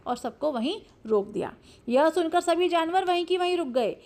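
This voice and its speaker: Woman teacher, high-pitched, animated storyteller reading a lesson to kids. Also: normal speed. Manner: lively animated storytelling, retelling each part twice.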